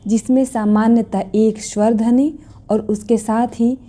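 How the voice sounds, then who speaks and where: A woman teaching an English lesson, pausing to read each definition slowly and to repeat example words. Her voice is very mellow and dark in tone, set a little high in pitch, and she never hurries. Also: fairly even intonation. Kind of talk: explanatory language lesson.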